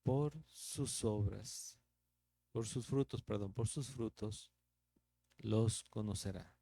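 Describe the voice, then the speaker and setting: A man's voice: fairly low pitch, slow pace, vocal fry, mellow, dry recording, clean studio sound. A man with a Mexican Spanish accent teaching the Bible verse by verse as a pastor, in a conversational preaching manner with rhetorical questions.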